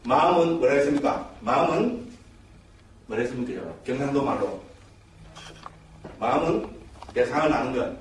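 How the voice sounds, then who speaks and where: A male Buddhist monk giving a dharma lecture in a temple teaching hall, keeps checking in with his listeners through quick rhetorical questions. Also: medium pitch, expressive, slight background noise. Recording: echoey lecture hall, distant mic.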